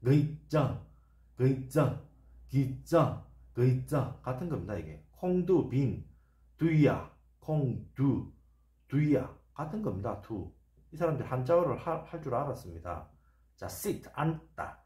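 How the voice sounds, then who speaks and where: A man's voice: mid-range voice, very animated, darkish tone. Man sounding out words, echoey room. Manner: slow, repeats words to sound them out. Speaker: channel host explaining words. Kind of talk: lecture over on-screen slides.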